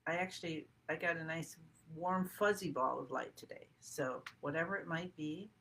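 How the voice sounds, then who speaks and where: A woman leading a guided qigong meditation in a soothing, gently encouraging and informal, conversational way. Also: deep voice, normal speed, vocal fry, a little hiss or hum. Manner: informal, self-correcting. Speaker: qigong group meditation leader.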